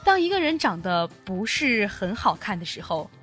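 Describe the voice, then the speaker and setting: A woman's voice: mid-range voice, very animated, moderate pace, a bit bright, faint music behind. A woman co-hosting a comic talk show, firing off sassy, teasing comebacks in scripted banter. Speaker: comedy talk show co-host.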